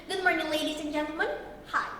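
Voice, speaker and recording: A young teenage girl with an Indonesian accent delivers a memorized contest speech in a stiff, rehearsed, declamatory way with emphatic pauses. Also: high-pitched, steady tone, pushed and bright. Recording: echoey hall, distant mic, faint noise.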